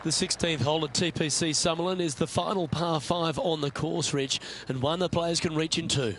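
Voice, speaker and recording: A man's voice: a little high, steady tone, normal speed, fairly bright tone, a faint crowd, slight background noise. A man playing a lead golf commentator in a video game, calling play in a polished broadcast style. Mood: composed, appreciative.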